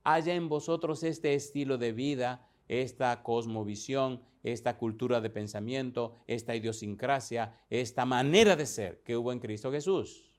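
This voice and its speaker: A man preaching a sermon, reading scripture and explaining it in a slow, deliberate way. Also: mid-range voice, a little mellow.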